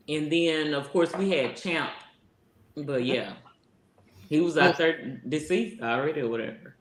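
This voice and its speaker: A woman's voice: low voice, takes it slowly, long pauses, a little hiss or hum. A woman co-hosting a casual chat, telling a rambling story full of restarts and asides. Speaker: co-host. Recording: roomy echo.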